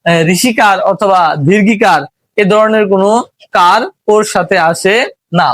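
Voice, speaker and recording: A man's voice: sits high, a bit bright, dry recording. A man teaching a spoken language lesson, explaining patiently, repeating points and asking rhetorical questions, with a Bangladeshi Bengali accent. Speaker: English teacher.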